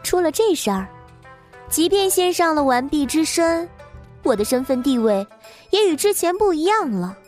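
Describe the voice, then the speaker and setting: A woman's voice: sits high, lively intonation, normal speed, darkish tone. A woman doing a coy young courtesan. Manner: coy, laughing, self-assured. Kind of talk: storytelling with voiced characters. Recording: faint background music.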